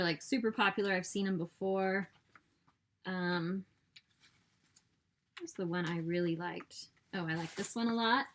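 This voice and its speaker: A woman hosting a casual cross-stitch vlog, chatty and animated, laughing often and filling with "like" and "um" as she shows her purchases. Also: mid-range voice, a little hiss or hum. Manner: fills with "like" and "um". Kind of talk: casual show-and-tell chat.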